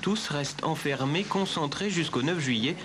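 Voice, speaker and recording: A man presenting a regional news roundup in a measured, crisp reporting voice. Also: a little high, expressive, crowd noise. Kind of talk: news narration.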